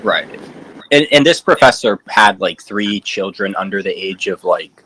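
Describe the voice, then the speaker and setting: A man's voice: fairly low pitch, animated, unhurried, bright, forceful tone, slightly rough. A man in his twenties in a casual group chat, telling anecdotes packed with "like" and "um". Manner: anecdotal storyteller, filler-heavy.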